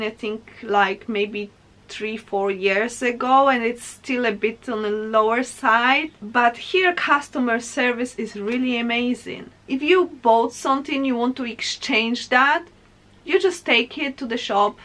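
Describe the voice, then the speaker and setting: This is a casual vlog monologue from a young woman from Poland, animated as she talks to her viewers. Her Polish accent comes through in a fairly high, slightly bright voice.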